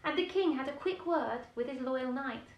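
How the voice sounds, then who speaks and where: At a moderate pace, a high-voiced woman tells a bedtime story from a kids' picture book, reading expressively and breaking off for chatty explanations and questions to young listeners. The recording has a roomy echo from a distant microphone.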